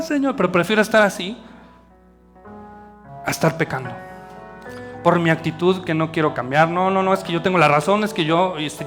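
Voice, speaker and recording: A middle-aged Mexican man preaches to a church youth group in a chatty, animated way, tossing in asides and questions to his listeners. His voice sits a little high for a man. Soft music plays faintly beneath him. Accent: Mexican Spanish. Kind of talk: sermon.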